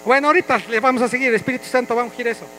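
A man, pitched very high, leads his congregation with an energetic, playful voice. His tone is bright and ringing as he coaxes the crowd along. A faint hum sits under the church sound. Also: racing, low-quality recording. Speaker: pastor. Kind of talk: interactive church sermon. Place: church hall.

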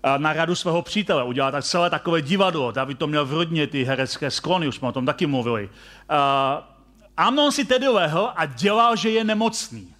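A male preacher with a rather high voice tells a story in sermon form. He turns to his listeners with direct questions and often restarts or repeats his phrases as he goes. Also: lively intonation, a bit bright.

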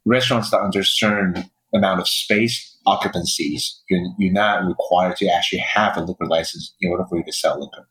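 A man's voice: low-pitched, fairly even intonation, brisk, few pauses, fairly bright tone. A middle-aged man from Taiwan and the United States answering interview questions as a guest, explaining things in a wordy, circling way. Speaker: guest, chef and restaurant owner. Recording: echoey, distorted remote podcast recording.

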